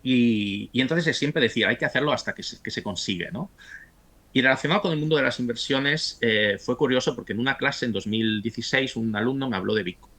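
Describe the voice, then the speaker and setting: A man's voice: mid-range voice, fairly quick, bright, forceful tone. A man in his forties from Italy, whose first language is Italian, talking at length as an interview guest with frequent restarts. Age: 40s. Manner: talkative, many restarts and stumbles. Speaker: guest, university professor. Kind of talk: casual interview conversation.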